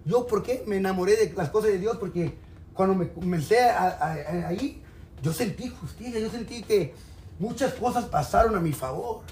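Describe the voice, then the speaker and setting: High-pitched man preaching in echoey room. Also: darkish tone. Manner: colloquial, exhorting, direct address to listeners. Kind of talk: sermon. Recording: echoey room, faint background noise.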